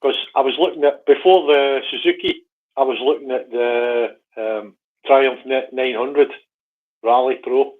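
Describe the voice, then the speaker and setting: A man's voice: mid-range voice, steady tone, measured pace. A man from Glasgow chatting easygoing over a call as a guest, hesitant and full of fillers. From Glasgow, Scotland. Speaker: guest biker. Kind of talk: casual chat over a call. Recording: tinny phone-like call line.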